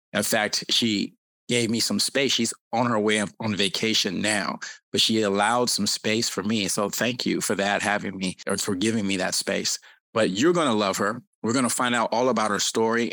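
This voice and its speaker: A man's voice: on the low side, bright, forceful tone, dry recording. A man hosting a podcast interview, effusive and given to repeating his phrases. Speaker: podcast host.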